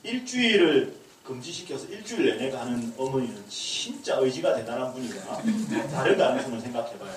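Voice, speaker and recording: A man's voice: mid-range voice, sing-song, brisk, few pauses. A male pastor giving a humorous lecture to a class, acting out little dialogues as he teaches. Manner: humorous, acts out dialogue lines. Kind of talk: lecture to a leadership school class. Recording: echoey room, distant mic, faint noise.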